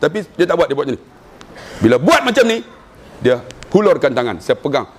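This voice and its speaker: Malaysian Malay-accented male preacher, high voice, lively joking storyteller. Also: fairly quick, slightly rough. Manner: animated storytelling with jokes and chanted recitation. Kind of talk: humorous sermon.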